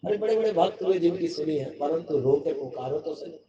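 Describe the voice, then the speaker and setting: A man's voice: fairly high pitch, expressive, a little fast. A man giving a devotional sermon, telling a story in an emphatic, repetitive way. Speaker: preacher. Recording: dull lo-fi sound with a crowd behind.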